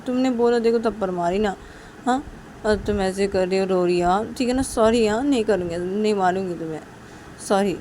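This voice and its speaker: A woman voicing a young woman who gently pleads for forgiveness in a soft, coaxing way. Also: medium pitch, brisk, a little hiss or hum, close to an everyday voice.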